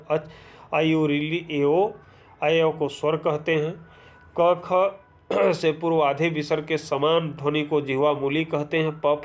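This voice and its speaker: A man teaching an exam-prep grammar lesson. He reads rules aloud, lists letters one by one and keeps asking whether it is clear. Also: medium pitch. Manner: explains step by step, often checks "clear?".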